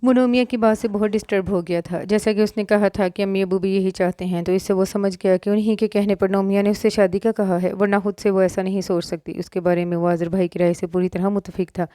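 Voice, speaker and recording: Lady narrator reading a novel, steady, dark mellow tone, dry close mic. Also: mid-range voice, fairly quick, few pauses, no echo. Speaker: audiobook narrator. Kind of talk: reading a romance novel aloud.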